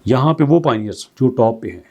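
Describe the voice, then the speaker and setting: Here the crypto news host talks at a quick clip, his medium-pitched voice slightly mellow with lively intonation. He reads English passages aloud, then walks through them in conversational commentary packed with rhetorical questions.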